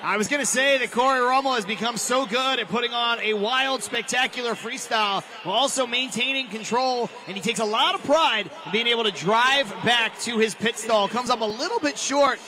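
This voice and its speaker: A man working as an excited hype announcer, projecting sports commentary to a crowd at a motorsport event. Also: very high voice, brisk. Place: outdoor motorsport stadium event.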